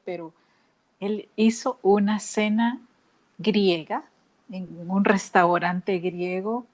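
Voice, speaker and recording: A woman hosting a podcast in a casual, enthusiastic, chatty way. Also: mid-range voice. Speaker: podcast host.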